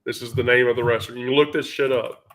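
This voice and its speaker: A man's voice: mid-range voice, fairly even intonation, fast, a bit bright. A man vlogging in casual storytelling mode, rambling and profane, with many fillers.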